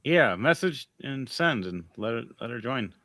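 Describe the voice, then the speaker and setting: A man's voice: mid-range voice, big pitch swings, moderate pace, sharp tone. A man hosting a podcast in casual chat, rambling and giving advice. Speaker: podcast host.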